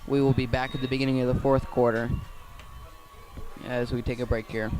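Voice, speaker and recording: A man with an American accent calls a football game live for radio. His pitch stays fairly flat as he follows the action. He is a little halting, repeating and correcting himself as he goes. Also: rough recording. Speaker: play-by-play commentator. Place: outdoors at a football field.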